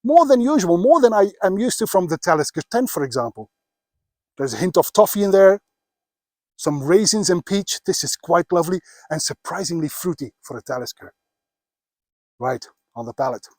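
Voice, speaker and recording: A man in his fifties from Belgium, a whisky blogger, talking casually through a tasting on a mountaintop, a little out of breath and filling pauses with "uh". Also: high voice, expressive, darkish tone, no echo. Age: 50s. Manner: chatty, many filler "uh"s. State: slightly out of breath. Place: outdoors on a mountaintop.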